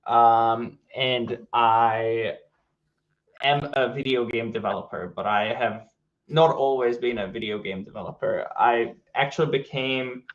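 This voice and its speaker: A man from Hungary with a Hungarian accent, a game studio co-founder chatting casually in an interview, relaxed and full of fillers and restarts. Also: medium pitch, a little slow, dull audio.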